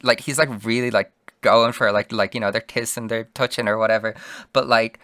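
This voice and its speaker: A man's voice: lowish voice, fairly even intonation, fairly quick, pushed and bright, dry recording, studio quality. A young man telling a story casually, rambling with heavy swearing and constant fillers. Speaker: vlogger.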